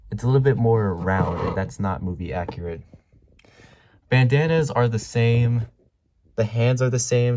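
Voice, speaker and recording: A man giving a casual product comparison as a toy reviewer. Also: on the low side. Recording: mellow home recording, faint noise.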